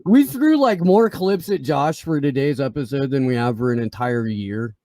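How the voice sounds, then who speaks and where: A man with a gruff, scruffy voice co-hosting a casual live stream, rambling and swearing, full of fillers and restarts. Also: mid-range voice, animated, moderate pace, dark tone. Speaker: podcast co-host.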